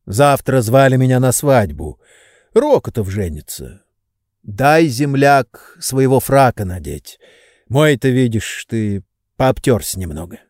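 A man voicing a loud, coarse, pushy middle-aged man who blusters and makes demands, in an audiobook reading. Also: mid-range voice, big pitch swings, takes it slowly, no room sound, studio quality.

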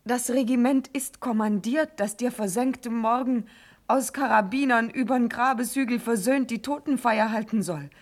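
In a classical verse radio drama, an actress plays an ardent young noblewoman who pleads urgently. Her slightly high voice moves at normal speed, fervent and declamatory, and often drops to a breathy whisper.

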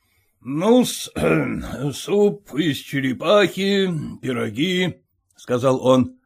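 A boastful, domineering merchant from an old comic story, played by a man. He speaks deliberately and orders people about. The voice is slightly husky and lively in pitch. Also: heavily acted. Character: bossy boastful middle-aged male merchant.

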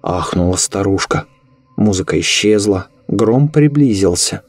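A man narrating a horror story in a measured, ominous way. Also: fairly low pitch, lively intonation, a little mellow, no echo, faint music behind.

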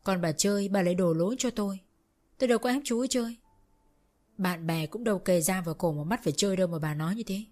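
Female storyteller, steady first-person narration. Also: mid-range voice, fast talker.

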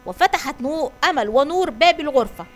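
A woman reading a children's story aloud at a steady pace, sometimes restarting a word. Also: high voice, quick pace, soft background music.

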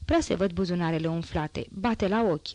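A woman voicing a stern male police inspector who gives quick, firm orders, in an audiobook reading. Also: lowish voice, darkish tone, no room sound, natural voice. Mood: brisk.

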